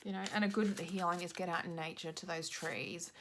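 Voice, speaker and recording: A woman's voice: on the low side, fairly even intonation, brisk, fairly bright tone, slight background noise. A woman in her forties giving a casual intuitive card reading, rambling and frank and swearing now and then. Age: 40s. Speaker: intuitive card reader and menopause mentor.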